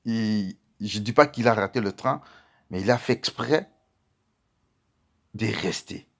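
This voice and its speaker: A pastor with a rather low voice preaches a testimony. He speaks warmly to his beloved listeners and moves from loud outbursts to quiet asides. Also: takes it slowly. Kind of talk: sermon testimony.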